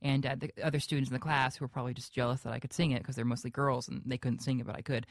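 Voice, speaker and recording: A young man with a naturally high-pitched voice, a guest actor in a radio interview, talking haltingly with many fillers and restarts. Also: level tone, no room sound, clean studio sound.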